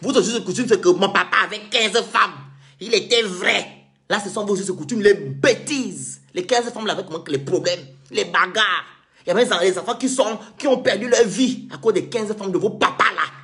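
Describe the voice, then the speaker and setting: A man's voice: sits high, moderate pace, fairly bright tone. A man from Cameroon, delivering an indignant, sarcastic monologue rant as a vlogger.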